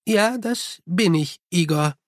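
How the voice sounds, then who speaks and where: A man doing an eerily calm young clockmaker. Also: high voice, slow, dry recording, clean studio sound.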